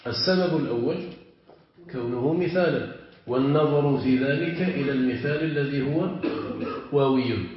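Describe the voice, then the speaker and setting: A man, a sheikh, teaching a class, stretching key words slowly and often asking his students whether they have understood. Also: medium pitch. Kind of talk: classroom lesson with questions to students. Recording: very echoey, dull lo-fi room.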